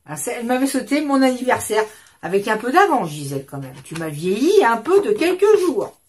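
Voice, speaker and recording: A woman's voice: fairly high pitch, sing-song, brisk. A woman in her fifties, rambling and chatty, hosting a casual chat at her desk at home while showing crafts. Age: 50s. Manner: rambling, chatty, self-interrupting. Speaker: craft channel host.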